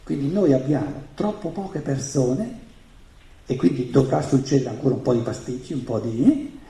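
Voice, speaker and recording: A man's voice: medium pitch, lively intonation, normal speed, gravelly, mellow. A man, a native German speaker with a German accent in Italian, giving an emphatic spiritual lecture full of repetition and rhetorical questions. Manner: emphatic, repeats phrases and poses rhetorical questions. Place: indoor room with an audience. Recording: roomy, echoing live talk.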